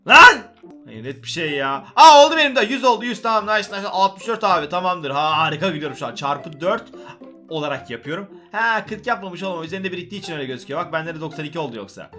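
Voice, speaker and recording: Male gaming host, high and quick, excitable and joking, faint background music. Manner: excitable, joking, talks to viewers. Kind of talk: casual gameplay commentary.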